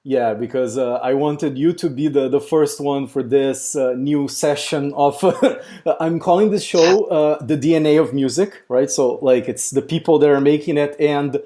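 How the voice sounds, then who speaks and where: Mellow-voiced male podcast host. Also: on the high side, moderate pace, few pauses. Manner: loose, filler-heavy, friendly questions. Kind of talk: casual interview.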